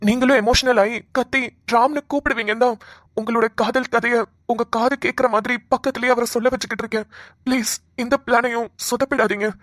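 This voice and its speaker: A woman's voice: a little high, steady tone, a little fast, dry recording, clean studio sound, close to an everyday voice. A woman doing a blunt young man. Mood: coaxing. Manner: blunt, coaxing. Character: firm young man, blunt friend, a police officer. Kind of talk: cartoon voice acting.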